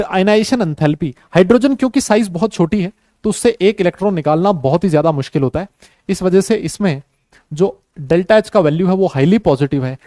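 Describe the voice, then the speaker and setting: A man teaching a chemistry class online. He talks slowly and easily, mixes Hindi with English terms and keeps quizzing his students. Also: on the high side, warm tone, dry recording. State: has a headache.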